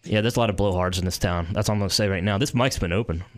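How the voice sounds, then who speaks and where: A man's voice: low voice, rapid-fire. A man hosting a local talk show, blunt and opinionated, rambling through his points. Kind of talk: casual talk radio chat.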